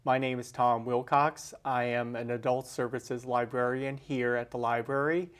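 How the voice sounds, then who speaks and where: A man introduces a guest on a local library program. He speaks politely, with pauses and fillers as he asks questions. His pitch sits in the middle range. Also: little pitch movement, clear, resonant tone. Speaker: librarian and show host. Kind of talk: hosting an interview.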